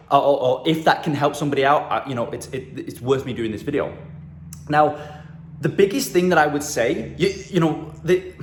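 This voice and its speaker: A man giving casual marketing advice to camera in a phone video, talking loosely with lots of fillers and "right?" tags from a room in his new apartment. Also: fairly high pitch. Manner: loose and chatty, many fillers like "um", "and whatnot" and "right?". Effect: phone video recording. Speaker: marketing agency coach. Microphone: handheld phone held at arm's length. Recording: echoey room on a phone mic.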